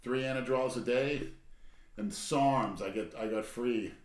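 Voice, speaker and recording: A man co-hosting a podcast in crude casual banter, rambling and deadpan, his voice echoey and far from the mic. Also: mid-range voice, a little slow. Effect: echoey sound, far from the mic. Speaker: podcast co-host. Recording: echoey room with faint noise.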